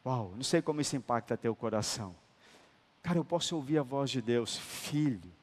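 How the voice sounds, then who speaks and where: A man preaching a sermon, emphatic and colloquial, moving between loud declarations and hushed, tender lines and calling listeners brother. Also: medium pitch, brisk. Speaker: apostle preaching. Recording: long hall reverb.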